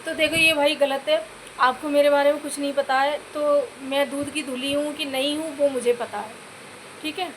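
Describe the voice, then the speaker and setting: High-voiced scolding woman vlogger. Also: fairly even intonation, normal speed, slight background noise. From Uttar Pradesh, India. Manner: scolding, repeatedly addressing listeners as "bhai"; earnest, pleading for comments. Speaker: YouTube vlogger. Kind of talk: direct-to-camera commentary rant.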